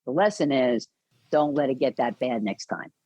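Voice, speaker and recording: A woman guest on an interview podcast, telling a personal story in an earnest, animated way with many restarts. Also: rumbling low, normal speed, no room sound, muffled recording. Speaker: podcast guest, caregiving advocate.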